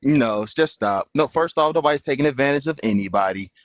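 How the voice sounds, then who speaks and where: A man's voice: medium pitch, lively intonation, fast, no room sound. A young man hosting a livestream panel, talking casually and argumentatively, full of slang and "bro". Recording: dull lo-fi stream audio.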